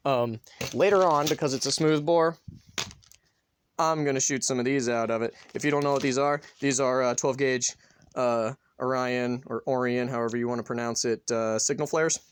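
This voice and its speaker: A man's voice: mid-range voice, steady tone, normal speed, a little hiss or hum. A man vlogging casually at home, rambling in an offhand way and swearing freely. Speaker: gun vlogger. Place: indoors at home, near a bed.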